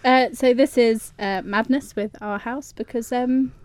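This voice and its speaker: A woman's voice: on the high side, steady tone, measured pace, darkish tone, no echo. A middle-aged woman with a southern English home counties accent, chatting as a guest in a radio interview. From Surrey, England. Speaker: studio guest.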